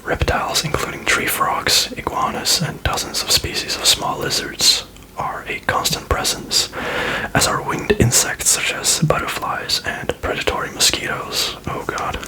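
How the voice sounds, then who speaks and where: Man, breathy whisper, ASMR reading, casual asides, unvoiced delivery. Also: normal speed, poor audio. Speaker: ASMR host reading aloud.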